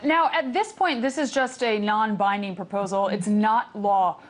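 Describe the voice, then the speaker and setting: A woman's voice: mid-range voice, moderate pace. A woman news anchor introducing a story and interviewing a guest, reading the script with small slips and self-corrections.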